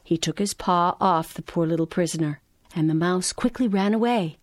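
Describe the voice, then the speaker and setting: A woman narrating a fable in a measured, expressive storytelling voice. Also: on the low side, no room sound, clean studio sound.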